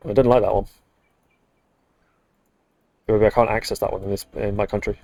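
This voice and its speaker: A man's voice: lowish voice, steady tone, moderate pace, warm tone, dry recording. A British man from the UK chatting casually while live-streaming a game, rambling with dry, muttered asides. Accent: British English. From United Kingdom.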